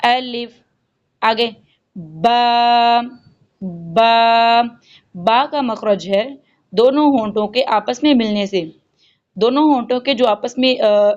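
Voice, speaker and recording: A woman teaching Quran recitation rules step by step, patiently explaining and slowly drawing out each recited word. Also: fairly high pitch, darkish tone, dull audio. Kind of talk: spoken lesson with recited examples.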